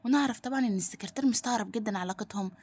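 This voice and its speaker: A woman with an Egyptian accent recaps a drama plot in one long run-on telling. She talks very fast with a husky edge. Her voice sits a little high. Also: darkish tone. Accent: Egyptian Arabic. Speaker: narrator.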